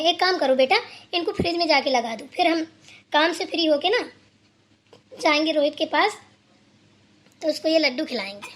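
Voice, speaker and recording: A woman's voice: high voice, lightly acted. A woman voicing a stern, bossy older mother-in-law in a cartoon, scolding and lecturing her daughter-in-law. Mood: fond. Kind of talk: cartoon voice acting.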